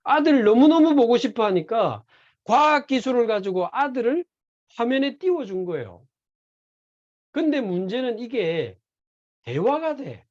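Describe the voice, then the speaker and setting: An evangelism class teacher speaks in a sermon-style lecture at a mid-range pitch, with a voice that rises and falls a lot. The stories come out animated, with the speaker acting out the quoted dialogue. The recording sounds dull and lo-fi. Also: a little slow, long pauses.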